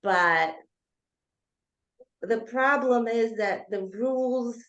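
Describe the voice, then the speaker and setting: A woman's voice: fairly high pitch, a bit bright. A woman in her thirties, from Georgia, a guest author telling her life story in an interview with earnest, hesitant phrasing full of ums. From Georgia (former Soviet Union). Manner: earnest, frequent ums, speeds up and slows down. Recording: echoey, dull lo-fi remote audio.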